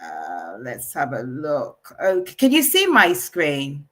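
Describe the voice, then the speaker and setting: A woman with a low voice speaks on a video call as a coach for entrepreneurs. She talks haltingly, filling gaps with "um" and "you know" and restarting her phrases. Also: wildly swooping pitch, bright, forceful tone. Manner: halting, many fillers and restarts.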